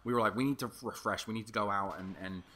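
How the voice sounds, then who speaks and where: A man's voice: lowish voice, fast, pushed and bright, slight background noise. A young man casually telling a long story over gameplay, chatty and swearing freely, with lots of fillers. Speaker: gaming commentator.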